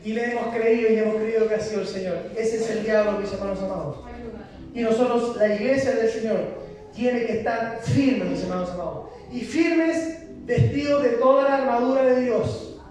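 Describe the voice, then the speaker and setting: A man's voice: very high-pitched, normal speed, darkish tone. A man preaching a passionate sermon, asking the congregation rhetorical questions. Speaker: pastor. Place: church hall. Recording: echoey hall from far off with noise.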